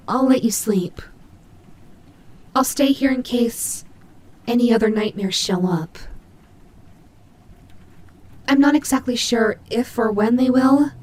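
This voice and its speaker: A woman voicing a tsundere nightmare animatronic rabbit, gruff but protective, in an intimate, hesitant roleplay audio drama style. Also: fairly high pitch. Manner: hesitant, halting, flustered tsundere softness.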